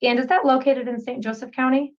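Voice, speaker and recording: A woman prosecutor questioning a witness in a plain, businesslike way. Her fairly high voice comes through a dull, muffled courtroom recording. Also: fairly even intonation, fairly quick.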